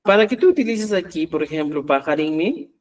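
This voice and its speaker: A man's voice: a little high, lively intonation, a little fast, distant mic. A man teaching a language class, explaining step by step and checking often that students follow.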